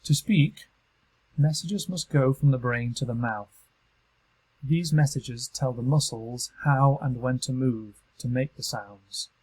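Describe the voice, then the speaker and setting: A man with a British accent giving calm, measured, scripted narration for a training module. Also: medium pitch, husky, rough recording. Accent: British English. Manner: calm, measured instructional delivery.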